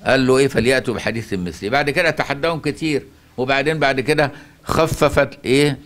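A man's voice: medium pitch, steady tone, quick pace, a bit bright. Egyptian man teaching Quran recitation. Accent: Egyptian Arabic. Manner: rhetorical questions, leans on repeated words. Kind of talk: explaining Quran recitation to a student.

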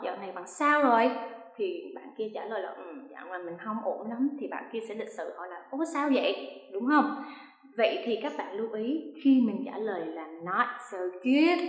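A woman teaching a language lesson, drilling short phrases slowly and asking learners to repeat after her. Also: on the high side. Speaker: English teacher. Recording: echoey room with long reverb.

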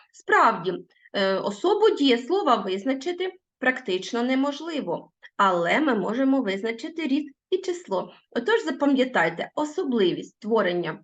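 Teacher woman with lively pitch. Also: dull audio. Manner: clear, patient dictation, spelling out word forms one by one; addresses pupils directly, asks them to pause the video. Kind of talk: recorded school lesson.

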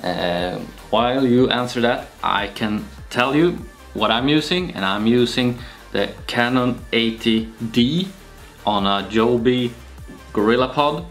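A young man with a Swedish accent, talking slowly and casually to camera in a home vlog, with many pauses and fillers. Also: mid-range voice, soft background music. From Sweden. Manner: slow and relaxed, with frequent pauses and fillers. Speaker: YouTuber. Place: small home room with shelves, indoors. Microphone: camera-mounted shotgun mic.

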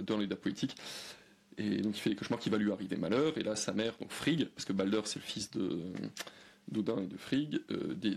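Gravelly, husky man explaining casually. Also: lowish voice, darkish tone. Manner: hesitant, many fillers and restarts. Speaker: guest historian. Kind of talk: conversational explanation.

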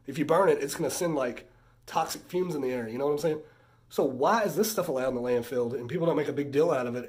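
A husky, fairly high, slightly mellow voice belongs to a man in his thirties who sounds congested from a sinus infection. Filmed indoors on a close-held phone camera, he chats easily while showing a haul for his vlog. He's readily impressed and now and then drifts into a rant.

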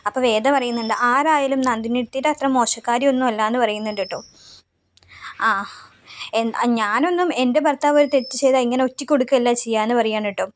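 A woman's voice: on the high side, fast. A woman casually retelling a TV serial episode, quoting the characters in a chatty way. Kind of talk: casual spoken recap of a TV serial.

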